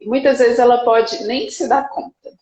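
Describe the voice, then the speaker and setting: A woman, a psychologist guest, speaking thoughtfully and calmly on a live video call. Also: a little high, echoey room, low-quality recording. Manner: thoughtful, measured, some restarts. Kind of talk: casual reflective live chat.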